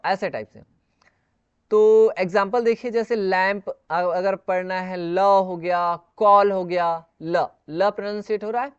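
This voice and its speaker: High, clear-voiced male language teacher. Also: no echo, muffled recording. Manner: explains patiently, repeats sounds slowly and asks himself questions. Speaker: English pronunciation teacher. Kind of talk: classroom-style lesson.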